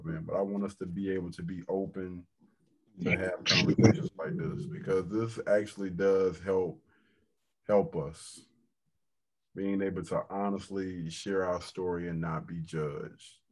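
Casual podcast host, man in his thirties, low-pitched, laid-back delivery on a video call. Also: moderate pace. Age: 30s. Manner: laid-back, says "dog" and "man" often. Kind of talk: casual chat.

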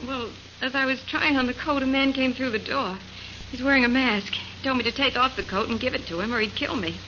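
A woman's voice: sits high, brisk, sharp tone. An actress playing a plucky, chatty detective's assistant in an old American radio drama, with eager, girlish exclamations. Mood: plucky, rattled. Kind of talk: mid-century American radio drama acting. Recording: muffled, noisy vintage radio recording.

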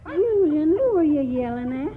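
A woman's voice: sits high, sing-song, normal speed, background noise. An actress playing a fussy, devout old grandmother who scolds her husband, in a 1940s radio drama over a tinny broadcast with music. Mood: scolding. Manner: scolding, prim.

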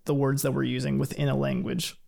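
A man talks through ideas in an easygoing conversational way. His voice has a heavy gravelly fry, and he thinks aloud with light laughs. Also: mid-range voice, level tone, quick pace, a little mellow. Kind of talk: casual explanatory chat.

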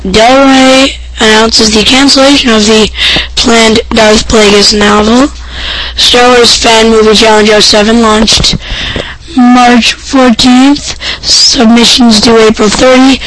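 A woman with a fairly high, scratchy, hoarse voice hosts a casual podcast. She takes her time, rambling offhandedly and interrupting herself between items she reads out. The homemade recording has audible noise. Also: fairly bright tone. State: hoarse voice, clearing throat. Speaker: podcast host. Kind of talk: casual amateur podcast talk, part reading news items.

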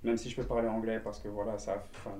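A man's voice: on the low side, flat delivery, fast talker, dark tone, distant mic, slight background noise. Belgian guest, man, earnest casual chat, slang and fillers, roomy echo. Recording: echoey room.

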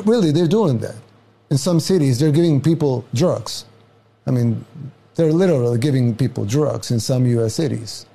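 A man's voice: a little high, creaky, dark tone. Emphatic man. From El Salvador. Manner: emphatic, repeats himself. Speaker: interview guest. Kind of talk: clip of a political interview.

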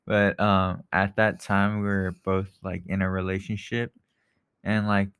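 A man in his twenties from the United States, co-hosting a casual podcast, easygoing and quick to laugh. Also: sits low, little pitch movement, a bit bright, clean tone. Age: 20s. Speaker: podcast co-host.

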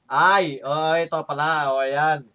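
Filipino guy hosting a podcast chat, voice a bit high, keeps restarting words. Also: fairly even intonation, slow, crowd noise. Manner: restarts words a lot, searching for terms. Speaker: podcast host. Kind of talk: casual chat.

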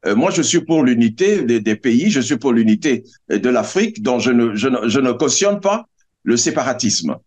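A man speaking as a guest on a debate panel, halting with many fillers and restarts. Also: mid-range voice, expressive, darkish tone. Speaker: advisory board president, guest.

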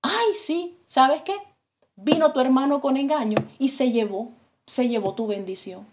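A woman preacher voicing an old father who speaks slowly and thoughtfully. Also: high voice, background noise. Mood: musing. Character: old blind father, calm and knowing.

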